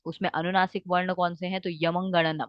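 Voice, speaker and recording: A woman's voice: on the low side, little pitch movement, fairly quick, dry recording, muffled recording. A woman teaching Sanskrit grammar for exams, mixing English words into her talk, often checking that students follow and drawing out vowels to show how they sound. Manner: checks often with "ठीक है" and "आ गई बात समझ में?"; mixes English words into Hindi. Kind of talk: exam-focused lecture.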